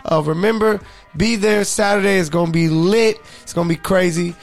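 A man's voice: high voice, normal speed, creaky, soft background music. A man hosting a casual sports podcast, joking loosely with lots of fillers. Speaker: podcast host.

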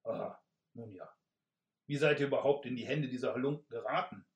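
A man voicing a blustering, gray-bearded old knight with booming, archaic speech. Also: brisk, lo-fi sound, lightly acted. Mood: pompous. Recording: roomy echo.

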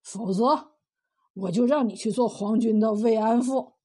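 A woman voicing a lecherous middle-aged male villain in a told story, speaking slowly in a wheedling, sleazy way. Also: on the high side, dark tone, breathy edge, pitched below the performer's own voice.

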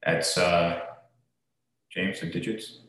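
A man's voice: steady tone, takes it slowly, a bit bright. A man co-hosting a podcast in casual chat, emphatic and swearing, recorded in an empty room that echoes like a cave. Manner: emphatic, swears, jumps between pitches. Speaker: podcast co-host. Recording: heavy cave-like room echo.

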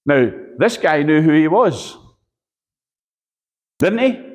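A man's voice: on the high side, lively intonation, slow pace. A man preaching a sermon, emphatic and repetitive, often asking his listeners for an amen. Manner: emphatic, repetitive, calls for amens.

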